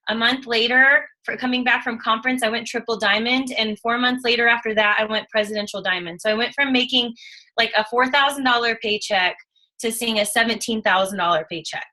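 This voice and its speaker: Bright-voiced woman telling an emotional story. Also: a little high, fairly quick, low-quality recording. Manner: animated, emotional storytelling with quoted asides. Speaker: network marketing distributor. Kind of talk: casual testimonial chat.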